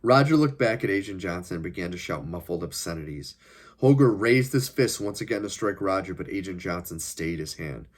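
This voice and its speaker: A man's voice: deep voice, animated, brisk. A man reading his own novel aloud, narrating plainly with the odd casual aside. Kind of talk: audiobook-style reading.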